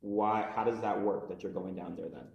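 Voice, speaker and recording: A man's voice: on the low side, steady tone, creaky, reverberant, muffled recording. Man questioning a witness in courtroom audio. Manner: measured questioning with fillers. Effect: courtroom recording. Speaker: prosecutor.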